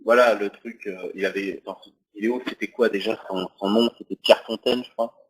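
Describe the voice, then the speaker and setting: A French man chats casually on a podcast, circling his point with plenty of fillers. His voice sits a little low and has a husky edge. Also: fairly even intonation, brisk, low-quality recording. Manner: rambling, many fillers. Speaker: podcast co-host. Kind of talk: casual chat.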